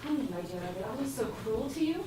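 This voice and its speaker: A woman's voice: a little high, lively intonation, quick pace, dark tone, close to an everyday voice. Woman as idealistic young visitor, earnest and caring; noisy, roomy recording. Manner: earnest, emotional. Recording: echoey room from far off with noise.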